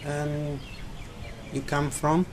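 A man's voice: a little high, monotone, drawn-out words, slight background noise. A man interviewing, asking hesitant questions with many uhs.

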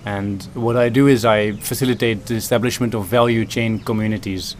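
A man's voice: fairly low pitch, fairly even intonation, a little fast, slight background noise. A man from the Netherlands, a food system consultant answering interview questions thoughtfully, with many ums and restarts.

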